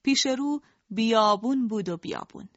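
A woman narrating a story in a calm, colloquial storytelling manner. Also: on the high side, no echo, muffled recording.

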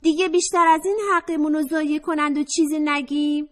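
Brief: a woman playing a tiny, frail student, very high thin delicate voice, earnest and defiant. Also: flat delivery, close to an everyday voice.

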